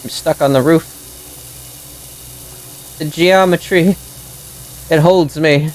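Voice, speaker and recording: A woman's voice: deep voice, takes it slowly, a little mellow, rough recording. A woman streaming a game, muttering dry sarcastic remarks and playfully meowing now and then. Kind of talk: casual gameplay commentary.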